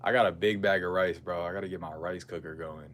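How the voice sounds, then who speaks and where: A deep-voiced American man talks fast with fairly even intonation. He's in a casual livestream chat, musing out loud and replying to viewers in slangy, conversational speech, and the recording clearly captures background noise and ambience.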